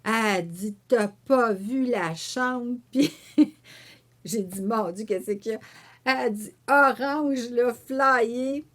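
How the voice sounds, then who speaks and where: A woman with a Québécois accent, talking at an ordinary middle pitch. She tells her story in lively, casual interview talk and acts out the lines she once said, with a steady run of fillers. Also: slow. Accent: Québécois French. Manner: animated storyteller who voices her own quoted remarks, with frequent fillers. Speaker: painter and author, interview guest. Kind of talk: conversational storytelling.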